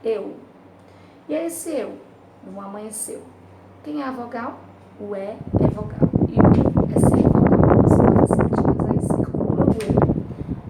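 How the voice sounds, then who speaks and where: A Brazilian woman teacher giving a remote class from home, going through a grammar exercise patiently, checking in with the students and drawing syllables out slowly. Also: on the high side. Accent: Brazilian Portuguese. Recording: roomy, distant home recording with loud background noise.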